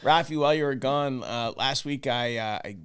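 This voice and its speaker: A man's voice: mid-range voice, normal speed, a little hiss or hum. A man hosting a casual podcast, making announcements in a loose way with many restarts. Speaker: podcast host.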